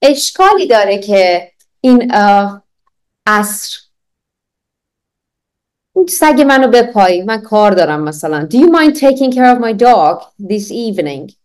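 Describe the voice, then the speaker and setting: A woman teaching an online English lesson, drilling phrases for repetition, slowing down to model them clearly and laughing often. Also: mid-range voice, sing-song, a little mellow.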